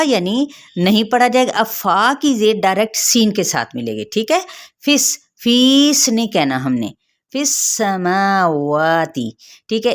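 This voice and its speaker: A woman teaching a Quran recitation lesson, explaining each rule step by step, checking that listeners follow and slowly chanting the verses. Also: medium pitch. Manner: slow drawn-out chanting of verses. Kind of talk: tajweed lesson.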